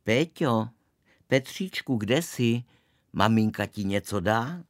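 A man's voice: on the low side, lively intonation, no echo, clean studio sound, natural voice. A man voicing a mother calling her son in a children's story, raised and sing-song. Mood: coaxing.

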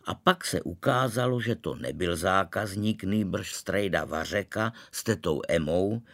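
Low-voiced man reading a storybook. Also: fairly bright tone. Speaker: reader. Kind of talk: storybook narration as a young boy.

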